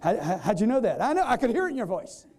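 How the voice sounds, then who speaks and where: A man giving an energetic live sales seminar, quizzing the audience and acting out customers in quoted voices. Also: sits high, quick pace. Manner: energetic, repetitive, keeps quizzing the crowd. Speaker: sales trainer.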